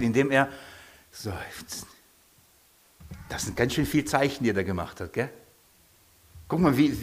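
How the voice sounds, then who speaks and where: A male preacher, delivering a sermon in a lively, questioning way. His voice often sinks to a quiet, low tone, and he draws his listeners in with questions.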